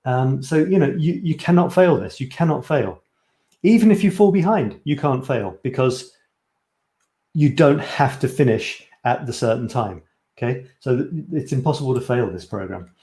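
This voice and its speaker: A man's voice: mid-range voice, expressive, moderate pace, mellow, roomy sound. A man from Scotland, a photography coach, presenting his course on a live stream in an eager, chatty way, often correcting himself mid-sentence. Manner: enthusiastic, chatty, self-correcting.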